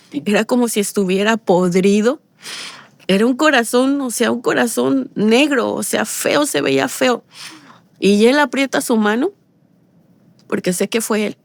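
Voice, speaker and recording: A woman's voice: on the high side, vocal fry, no echo. A woman giving an emotional personal testimony in an interview. She repeats phrases and restarts often as she talks. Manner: repetitive, with halting restarts and tearful pleading.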